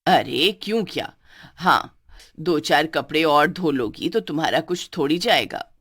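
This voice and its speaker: A woman's voice: low-pitched, expressive, a little slow, a bit bright, full character voice. A woman voicing a bossy older mother-in-law in a cartoon story who gives orders and scolds. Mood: scolding. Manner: commanding, scolding. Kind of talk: cartoon voice acting.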